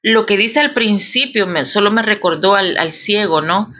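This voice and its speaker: A woman's voice: medium pitch, animated, moderate pace, a bit bright. A woman preacher from El Salvador with a Salvadoran Spanish accent, teaching from the Bible in a conversational way that repeats words and often asks "right?". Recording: dull lo-fi recording.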